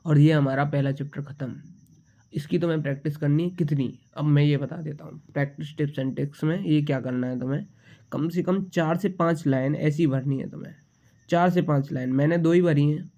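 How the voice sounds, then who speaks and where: A man's voice: fairly high pitch, steady tone, brisk, dark tone. A young man with a slight cold, patiently teaching shorthand in a casual tutorial and repeating each symbol as he writes it. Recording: dull lo-fi sound.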